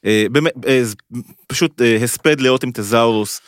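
A man joins a casual podcast about a TV series. His voice has a middling pitch. He sounds enthusiastic and halting, with many fillers, and the recording is dry with little room sound. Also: dry recording. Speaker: podcast co-host. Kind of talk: casual TV-recap podcast chat.

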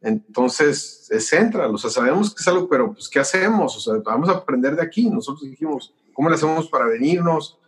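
A man's voice: on the high side, brisk, few pauses. A middle-aged man with a Mexican accent, a pastor and musician telling his story in a casual interview and acting out the conversations. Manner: animated, acts out conversations while telling a story.

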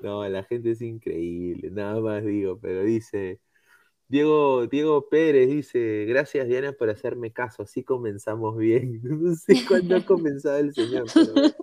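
Slow, laughing podcast host. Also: male voice, mid-range voice, dark tone, dry recording. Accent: Peruvian Spanish. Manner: laughing, reading out viewer comments. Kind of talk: casual panel chat.

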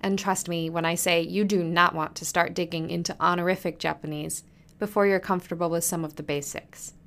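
Teaching Japanese business culture on a podcast, this female host has a lowish, steady voice with a fairly bright tone. She explains things in a clear, friendly way, taking the Japanese phrases slowly and with care.

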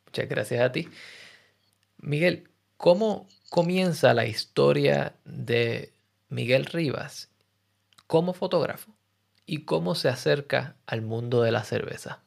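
A man hosting a podcast, introducing his guest with a measured, formal read and asking him questions. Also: mid-range voice, gravelly. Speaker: podcast host.

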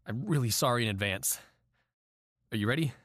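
A desperate, unstable captor, as a man acts him out, swinging between soft pleading and furious outbursts. His pitch leaps wildly, his voice is husky, and the recording is dry and close. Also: animated, a little fast, dry recording. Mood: pleading, tense. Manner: pleading then screaming in rage. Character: desperate man holding a woman captive, volatile. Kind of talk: audio drama acting.

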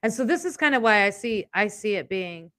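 A woman co-hosting a casual political chat, sarcastic and animated, swearing freely. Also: mid-range voice, fairly quick, dry recording, studio quality. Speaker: podcast co-host.

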